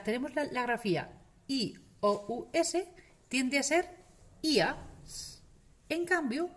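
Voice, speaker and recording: A woman teaching pronunciation, speaking slowly and stretching out each example word so learners can repeat it. Her pitch swings widely, rising and falling through every sentence. She delivers the lesson straight to camera. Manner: slow, drawn-out model pronunciations, repeating words for learners. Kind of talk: classroom-style lesson to camera.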